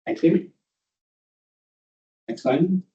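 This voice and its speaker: A man chairing a formal board meeting, moving briskly through procedure. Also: mellow, roomy sound. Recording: muffled, distant meeting microphone.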